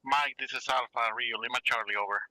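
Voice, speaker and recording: A man doing crisp, procedural radio check calls as a player in a military squad game. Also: mid-range voice, fairly even intonation, fairly quick, bright, forceful tone, dry recording, rough recording.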